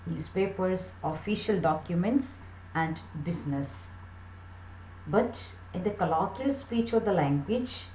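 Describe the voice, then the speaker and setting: A female teacher gives kids an English lesson, reading text out and explaining it, deliberately checking her pupils with questions. Her mellow voice is fairly low in pitch and a bit echoey, as the small plain indoor room lends a roomy echo with slight background noise.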